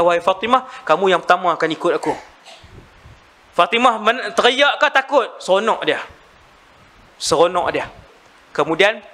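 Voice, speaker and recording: A man preaching a storytelling sermon, animated, with many rhetorical questions to the audience. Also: sits high. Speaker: religious preacher.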